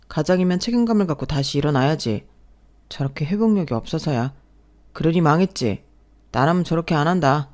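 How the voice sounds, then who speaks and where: A woman voicing a scornful, arrogant young husband in an audio story, talking down with loud contempt. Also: low-pitched.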